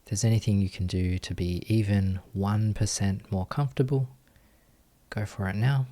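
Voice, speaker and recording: A man teaching a guided meditation speaks softly and gently, using short phrases separated by long pauses. His voice sits fairly low and keeps a steady tone.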